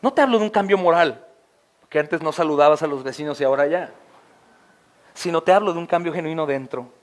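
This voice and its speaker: A man over forty delivers an impassioned expository sermon from the pulpit. His voice sits high for a man and climbs higher still on emphatic questions. He keeps turning to his listeners and calling them brothers. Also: brisk. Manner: often addresses listeners as brothers. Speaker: pastor.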